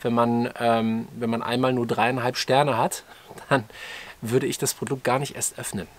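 A man in his thirties co-hosting a casual discussion, talking in a measured way with pauses and fillers, recorded outdoors in a garden. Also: medium pitch, little pitch movement. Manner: measured, pausing with fillers, asks questions. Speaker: channel co-host. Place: outdoors in a leafy garden, evening.

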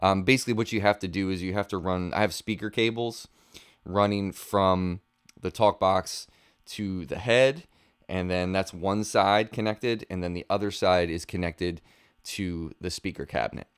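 His voice sits low with fairly even intonation, clear and resonant, at a normal speed and without room sound. The man, in his thirties, gives a casual guitar gear demo from a small home studio, thinking aloud into a close boom-arm studio mic.

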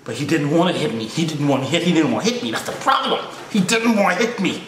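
A man hosts a reaction video and launches into a profane, laughing story of his own. His voice sits slightly high and swoops with energy. The room sounds roomy, with a faint background hiss. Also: lively intonation, quick pace, a bit bright. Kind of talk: casual storytelling.

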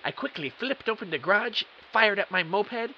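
In a dull, hissy recording, a man with a high-sitting voice and lively intonation speaks at a moderate pace. He plays a confused computer technician narrating his own mystery audio drama, leaning into earnest, melodramatic emphasis with a dramatic, intrigued mood.

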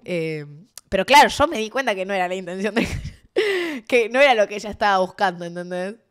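Lively Rioplatense woman telling stories. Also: medium pitch, a little fast, clear, resonant tone. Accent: Rioplatense Spanish. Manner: animated storyteller, bursts of laughter and exclamations. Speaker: streamer. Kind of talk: casual chat with viewers.

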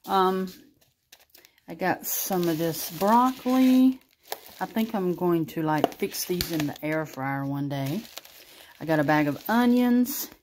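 Sitting indoors at her kitchen table, a vlogger holds her groceries up to a close phone camera and chats about them casually. Her voice is lowish and a bit dark in tone, with slight noise behind it.

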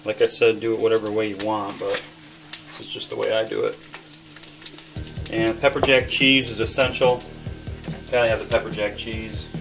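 A man's voice: fairly low pitch, flat delivery, normal speed, gravelly, long pauses, music in the background, rough recording. Rambling, cussing man cooking at home. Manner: rambling, swears freely, many ums and uhs. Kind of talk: casual talk to camera while cooking. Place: home kitchen, indoors. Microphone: webcam camera mic.

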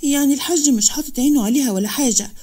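Woman voicing jealous bitter Egyptian wife, scornful, fast. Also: high voice, warm tone, voice pushed up, natural voice. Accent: Egyptian Arabic.

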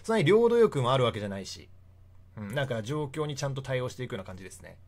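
Man in his young adult years, relaxed and talkative as a history explainer, lively up-and-down delivery. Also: mid-range voice, very fast. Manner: chatty, laughs often between points. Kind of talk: casual history lecture.

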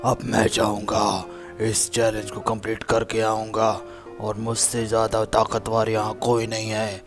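A man's voice: on the low side, completely flat delivery, unhurried, over music, lightly acted. Man doing boastful tree creature Groot. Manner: boastful, self-talking. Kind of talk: game voiceover role-play.

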